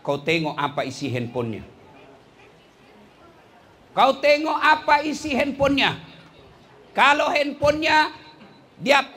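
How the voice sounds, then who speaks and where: A middle-aged man preaching a sermon to a live audience, animated, acting out dialogue and swinging between loud and soft. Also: very high-pitched, a little hiss or hum.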